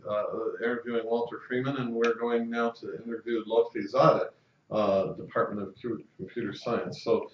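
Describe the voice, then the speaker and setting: A man interviewing a guest, hesitant, repeating words and using many fillers. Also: mid-range voice. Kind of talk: interview questions. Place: university building. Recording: distant, echoey and muffled.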